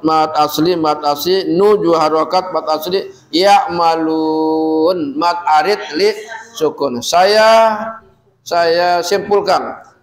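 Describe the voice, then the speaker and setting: In a poorly recorded clip, a man whose voice sits high instructs a women's class on Quran recitation rules. He quizzes them with patience and chants the verses at a slow pace.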